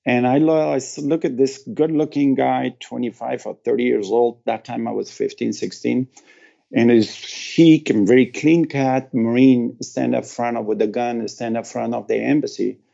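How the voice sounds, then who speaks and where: Middle-aged man from Afghanistan, halting storyteller, dark gravelly voice, dull lo-fi recording. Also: medium pitch, fairly even intonation. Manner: slow, halting, with broken phrasing and emotional pauses. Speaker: guest. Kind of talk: personal storytelling in an interview.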